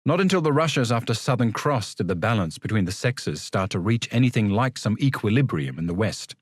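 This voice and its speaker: A man's voice: lowish voice, very animated, fairly quick, dry recording, clean studio sound. A man reading a literary story as a scripted audiobook narration.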